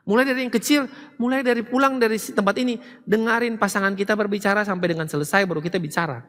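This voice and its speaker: A high-voiced, bright-toned man preaching in a large church hall, his voice ringing with long reverb. He is a middle-aged pastor who talks animatedly and slips into quoted voices of his family. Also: fast talker. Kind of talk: sermon.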